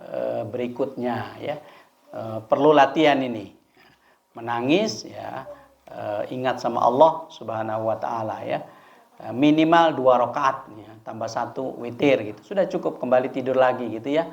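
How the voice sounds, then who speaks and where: A man's voice: medium pitch, normal speed, vocal fry, darkish tone. A man giving a conversational religious study talk, often asking and answering his own questions. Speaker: preacher. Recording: dull lo-fi recording.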